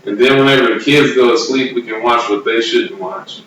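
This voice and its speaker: A man's voice: mid-range voice, moderate pace, a bit bright. A laid-back man, co-hosting a casual chat show. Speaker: show co-host. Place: echoey room, away from the mic. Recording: very echoey room, distant mic, faint noise.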